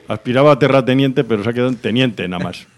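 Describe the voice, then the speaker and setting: A man hosts a loose radio chat from the studio, joking as he goes. His voice sits at an ordinary middle pitch, and he rambles and laughs often. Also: animated, quick pace. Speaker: radio host.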